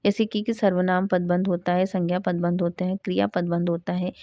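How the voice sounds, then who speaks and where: A woman teaching a grammar lesson, asking questions and answering them herself and slowing down to read out example sentences. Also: fairly low pitch, little pitch movement, no echo. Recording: dull dry lo-fi sound.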